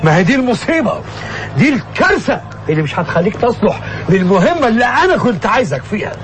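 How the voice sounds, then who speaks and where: A man's voice: sits high, sing-song, fast talker. An actor playing a sarcastic male boss with an Egyptian accent who taunts his subordinate. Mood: scornful. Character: contemptuous male boss, insulting, scornful. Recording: film soundtrack with background noise.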